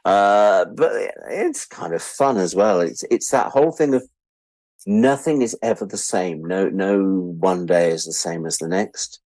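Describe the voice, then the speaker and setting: Animated but a little slow, his low-pitched, slightly mellow voice is recorded without room sound. He's a British man in his sixties or so, a freelance media producer chatting as an interview guest, reflective, candid and wry, repeating words for emphasis.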